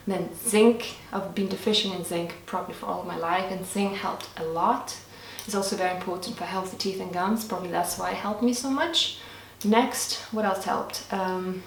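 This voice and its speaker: Answering viewer questions in a casual to-camera Q&A, a young woman whose first language is Lithuanian speaks earnestly with small restarts. Her medium pitch is captured by a distant mic with slight background noise, off-mic in an echoey room.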